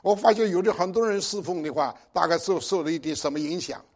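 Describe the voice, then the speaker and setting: High-voiced older preacher, exhorting. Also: male voice, quick pace, darkish tone. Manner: exhorting, with pointed rhetorical questions. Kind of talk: sermon.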